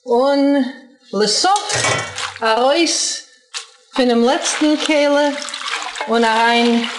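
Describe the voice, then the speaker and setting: A woman cooking in a wooden kitchen, giving slow, deliberate step-by-step instructions. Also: a little high. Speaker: cook and co-host. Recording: roomy kitchen with running water noise.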